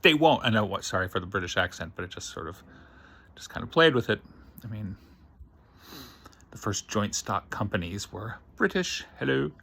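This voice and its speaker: A science fiction writer thinking aloud in a casual, digressive monologue. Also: male voice, fairly low pitch, animated, normal speed, creaky, pauses often, bright, forceful tone.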